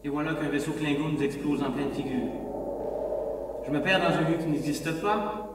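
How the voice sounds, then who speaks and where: A man's voice: fairly high pitch, moderate pace, heavy background noise, natural voice. A man as a grumbling doctor, cavernous echo. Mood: exasperated. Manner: grumbling, sardonic. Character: grumbling, sardonic starship doctor, stranded and exasperated. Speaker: ship's doctor. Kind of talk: French audio drama acting. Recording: distant, cavernous reverb, music underneath.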